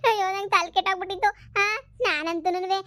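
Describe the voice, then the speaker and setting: Woman putting on a shrill pleading old mother. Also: fairly even intonation, fast talker, a bit bright, no room sound, clean studio sound. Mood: shrill grief. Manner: shrill pleading, stretched wails. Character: rival old woman claiming the dead man.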